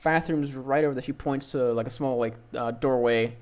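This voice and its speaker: A man's voice: mid-range voice, fairly even intonation, normal speed, darkish tone. A young man running a tabletop game as dungeon master, narrating with many fillers and restarts.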